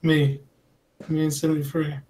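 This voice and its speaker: A man's voice: on the high side, level tone, moderate pace, dark tone. A man playing his character in a tabletop roleplaying game, speaking in a matter-of-fact way. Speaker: player.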